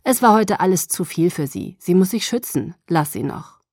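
A calm, confident vampire doctor, voiced by a woman in a storybook reading. He speaks in an assured, even way. The voice is low, mellow and slightly husky. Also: normal speed, dry recording, clean studio sound.

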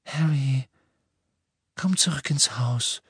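A man's voice: mid-range voice, takes it slowly, fairly bright tone, slightly rough, dry recording, clean studio sound, voice pushed up, exaggerated voice. A man voicing an anxious, insistent young witch in an audiobook, urgent and worried.

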